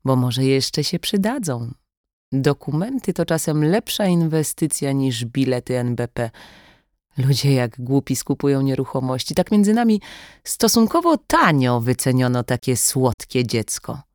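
A woman's voice: a bass voice, animated, unhurried, a little mellow, no room sound. A narrator voicing a cold female kidnapper who mocks with a falsely sweet tone, in a dry audiobook recording. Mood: mocking. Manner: icy, mocking, falsely sweet. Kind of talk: audiobook dialogue.

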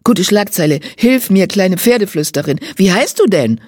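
A woman voicing a brisk, pushy male reporter. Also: mid-range voice, expressive, darkish tone, no room sound, clean studio sound, lightly acted.

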